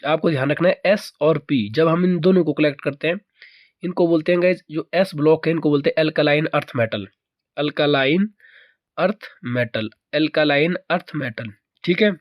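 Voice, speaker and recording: A man's voice: a little high, a little fast, no echo, lo-fi sound. A man teaching an exam-prep chemistry lesson, asking questions and answering them himself while repeating key points.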